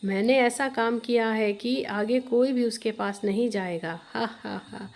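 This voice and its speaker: A woman's voice: on the high side, a little slow, a little mellow, close to an everyday voice. A woman voicing a scheming male tailor who boasts and chuckles slyly.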